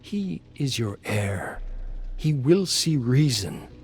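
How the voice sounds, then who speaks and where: A man's voice: medium pitch, big pitch swings, takes it slowly, a little mellow. An actor playing Death as a deferential, sly male servant, speaking formally and coaxingly in a game story. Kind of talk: dramatic game story acting. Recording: music behind the voice.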